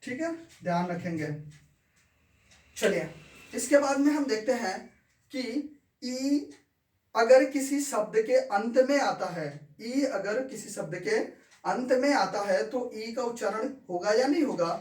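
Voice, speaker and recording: A man's voice: very high-pitched, animated, unhurried, darkish tone. A man teaching English pronunciation, repeating each word and asking questions. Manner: repeats words and asks the class questions. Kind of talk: classroom lesson. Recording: echoey room, far from mic.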